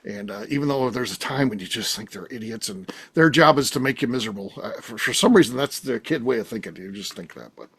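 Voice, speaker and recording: An American podcast host in his fifties chats casually, rambling with plenty of restarts and fillers. His husky, medium-pitched voice is animated, and he talks fast with few pauses.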